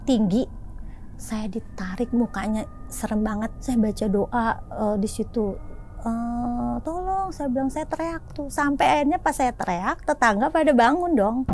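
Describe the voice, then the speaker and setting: Animated Indonesian woman telling her story. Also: on the high side. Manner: animated, acts out dialogue in raised voices. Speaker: storyteller sharing a personal experience. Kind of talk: casual spoken retelling of a mystical experience.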